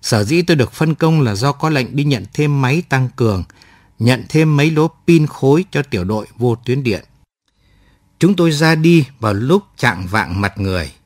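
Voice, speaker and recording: A man's voice: mid-range voice, animated, moderate pace, no echo, clean studio sound. A man narrating a first-person war story aloud in a reflective storytelling manner. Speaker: audiobook narrator.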